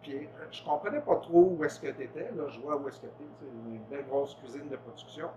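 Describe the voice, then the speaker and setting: A man's voice: medium pitch, fairly quick, lo-fi sound, background noise. A man hosting an interview, casual and conversational, steering with short questions. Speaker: interviewer, host. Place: production kitchen.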